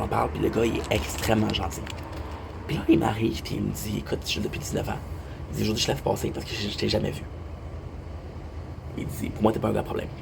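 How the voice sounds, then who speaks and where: Gravelly Québécois man rambling. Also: on the low side. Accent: Québécois French. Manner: rambling, repeats himself, swears casually. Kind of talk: casual storytelling monologue. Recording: noisy background hum.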